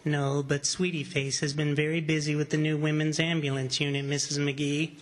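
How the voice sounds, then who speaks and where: An actor playing a timid, prim, henpecked little husband in old-time radio comedy. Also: male voice, fairly high pitch, level tone, moderate pace, close to an everyday voice. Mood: meek, chirpy.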